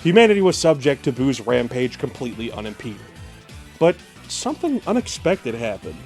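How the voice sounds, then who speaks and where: A man's voice: medium pitch, very animated, normal speed, darkish tone. A man co-hosting with scripted narration, telling the story with a wry edge. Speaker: show co-host. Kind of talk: scripted versus-show narration. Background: faint background music.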